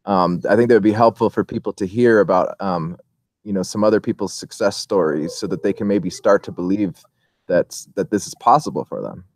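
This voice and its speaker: A man's voice: deep voice, brisk, darkish tone, no room sound, studio quality. A man hosting a casual interview, rambling through long questions with many fillers and restarts. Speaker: interview host.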